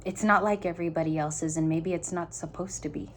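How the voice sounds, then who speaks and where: A woman with a fairly low voice talks through a tarot spread in a casual way. She muses aloud and breaks off and restarts her sentences. She speaks earnestly and directly to whoever is listening, with a faint hiss behind her. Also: steady tone, a little fast. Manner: musing aloud, stop-start phrasing. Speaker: tarot reader. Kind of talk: casual tarot reading to viewers.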